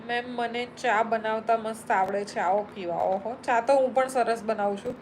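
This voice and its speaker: A woman's voice: fairly high pitch, fairly even intonation, normal speed, slight background noise, rough recording. Chatty Gujarati woman on a live stream. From Gujarat, India. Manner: chatty, reads names aloud and answers each in turn. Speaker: vlogger hosting a live stream. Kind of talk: casual live-stream chat reading viewer comments.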